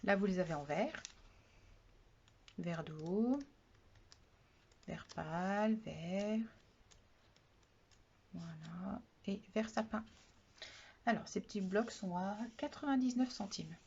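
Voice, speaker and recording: Soft-spoken woman showing craft supplies. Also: mid-range voice, takes it slowly, vocal fry, long pauses. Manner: soft-spoken, often trails off quietly; chatty, repeats "voilà" often. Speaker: craft vlogger. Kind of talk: product haul demonstration. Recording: dull lo-fi sound with faint noise.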